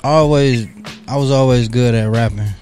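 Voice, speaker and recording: A man from California talks in an easy, slangy way, tossing in "you feel me" again and again. His voice sits at an ordinary middle pitch. Music plays clearly underneath. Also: moderate pace, darkish tone. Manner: laid-back slangy talk, repeats "you feel me". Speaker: guest rapper. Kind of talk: casual interview chat. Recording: music playing behind.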